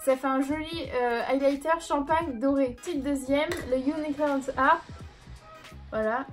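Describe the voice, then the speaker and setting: A young woman chatting casually through a beauty haul and review, light and self-deprecating, with plenty of hesitant fillers. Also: sits high. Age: young adult. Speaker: beauty vlogger. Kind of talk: casual product review vlog.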